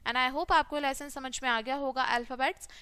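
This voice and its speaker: A woman's voice: sits high, fairly even intonation, moderate pace, sharp tone, clean tone. A woman teacher, giving a phonics lesson to young children and repeating each sound as question and answer.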